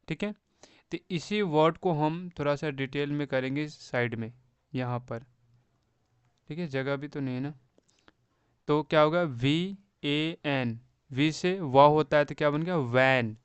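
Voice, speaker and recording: Guy teaching english phonics, super slow, spells everything out, crisp voice, dry close sound. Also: on the high side, no room sound. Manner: slow, spells words letter by letter and repeats "thik hai". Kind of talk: phonics lesson for beginners.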